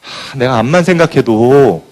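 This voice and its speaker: A man's voice: medium pitch, moderate pace. A man giving a motivational talk to business partners, telling stories and acting out scenes as he goes. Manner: animated storyteller who acts out scenes. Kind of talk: motivational speech with storytelling.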